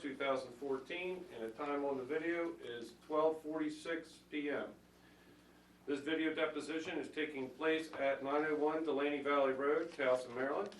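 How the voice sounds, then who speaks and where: A man acting as legal videographer, reading a formal deposition announcement in a flat, procedural way. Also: a little high. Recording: echoey, distant from mic, room noise.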